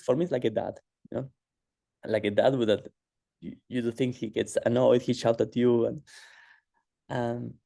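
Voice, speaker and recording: A man telling a personal story in a casual way, halting often with fillers and restarts. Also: mid-range voice, gravelly, dark tone, no room sound, clean studio sound.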